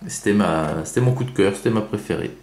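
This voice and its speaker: A man's voice: fairly low pitch, brisk, a little mellow, roomy sound. A man giving casual unboxing commentary on toy cars, chatty, with many fillers and self-corrections.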